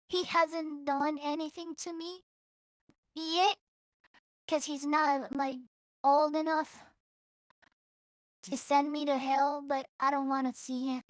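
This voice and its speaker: A woman's voice: high-pitched, steady tone, slow pace, long pauses, no echo, studio quality. A woman from El Salvador, rambling bluntly and profanely in a casual vlog monologue, often restarting her sentences. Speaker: streamer.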